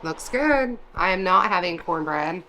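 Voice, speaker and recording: A woman's voice: on the low side, lively intonation, unhurried, pushed and bright, a little hiss or hum. A woman co-hosting a home cooking vlog, talking in a chatty, laid-back way from her kitchen. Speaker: keto vlog co-host. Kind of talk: casual chat.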